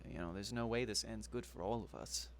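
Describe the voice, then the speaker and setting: A man's voice: on the low side, brisk, noisy background, close to an everyday voice. A man voicing a captured male thug who tries to talk his way out, persuasive and wheedling. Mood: pleading, bargaining. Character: male thug held captive, bargaining.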